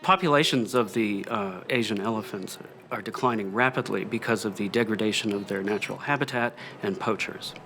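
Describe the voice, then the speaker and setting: A man's voice: on the low side, brisk, vocal fry, music in the background. Middle-aged male expert in documentary interview. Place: indoors in a book-lined room.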